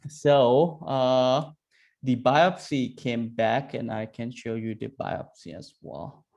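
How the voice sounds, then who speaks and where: A man's voice: medium pitch, slow pace, gravelly, darkish tone, highs cut off. A man presenting a medical case on a video call, hesitant, with many fillers. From Thailand.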